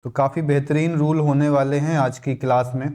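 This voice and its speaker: A male teacher giving a grammar lesson for exam prep, restating each rule slowly and repeating himself. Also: fairly high pitch, steady tone, warm tone. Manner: slow, repetitive explaining, restating each rule.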